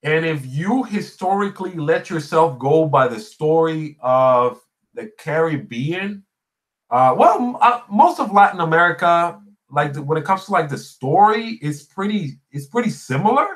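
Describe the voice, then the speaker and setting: A man's voice: a little high, animated, moderate pace. A man with a Puerto Rican accent and Spanish as his first language hosts a casual chat, telling stories emphatically and repeating phrases for effect. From Puerto Rico. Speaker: podcast host and small YouTuber. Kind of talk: casual chat answering live viewer comments.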